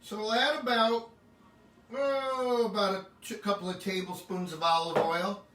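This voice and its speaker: A man's voice: high voice, steady tone, a little slow, a bit bright, distant mic. Chatty New man in an echoey kitchen. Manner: chatty and upbeat, jokes with the camera operator. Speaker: home cooking show host. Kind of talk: casual cooking demonstration. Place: home kitchen.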